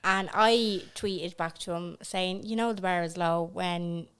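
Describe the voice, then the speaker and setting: This young Irish woman co-hosts a podcast, chatting casually and joking on a studio mic while laughing often. Her voice sits on the low side, clear and resonant, with a steady tone and measured pace.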